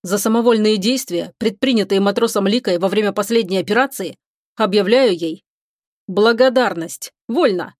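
A woman reading the part of a stern male starship captain, with measured, clipped commands. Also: medium pitch, dry recording, studio quality, lightly acted.

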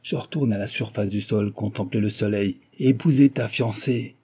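A man's voice: lowish voice, moderate pace, warm tone, husky. A man voicing a cruel young Japanese villain who talks in a sneering, menacing way, for an audiobook. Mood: gloating.

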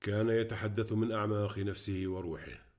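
A man narrating a novel as an audiobook, reading in a steady, measured way. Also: lowish voice. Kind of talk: scripted narration.

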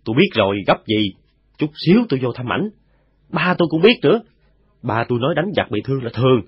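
A man's voice: medium pitch, sing-song, fast talker, husky, dry recording. A man voicing a cheeky, boastful young village boy who stammers and chatters. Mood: chattery. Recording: dull, dry recording.

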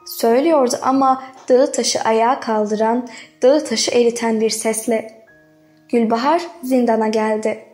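A woman narrating a literary novel as an audiobook, reading in a measured, dramatic way. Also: on the high side, fairly even intonation, darkish tone, faint music behind.

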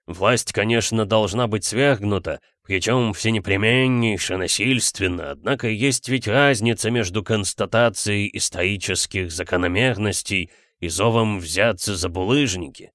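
A man's voice: deep voice, a little slow, a bit bright, no room sound, clean studio sound. A man voicing a wine-drinking revolutionary poet and geologist who speaks with a slight burr on his r. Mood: dismissive.

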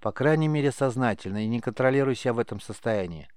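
A man's voice: medium pitch, quick pace, clean tone, no echo, clean studio sound, natural voice. A man voicing a restrained, good-natured young mage boy. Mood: calm. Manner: restrained, even-tempered.

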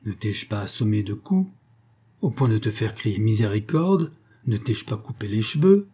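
A man's voice: fairly low pitch, very animated, moderate pace, mellow, slightly rough. A man reading the lines of a jealous husband who angrily accuses his wife. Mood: accusing. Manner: accusing and outraged.

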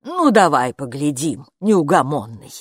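Woman voicing a brisk nosy neighbor lady. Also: low voice, very animated, breathy edge, no echo, clean studio sound, exaggerated voice.

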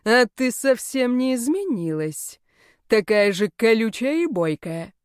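A woman's voice: on the high side, sing-song, clean tone, dry recording, studio quality. Woman voicing a menacing aging male rector. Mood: haughty, menacing. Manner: slow, haughty, domineering. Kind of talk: audiobook character voice.

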